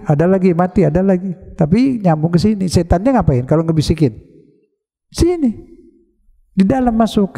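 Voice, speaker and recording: A man's voice: sits high, creaky, warm tone, long reverb tail. An older man preaching, talking colloquially and asking the congregation questions. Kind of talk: mosque sermon. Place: mosque.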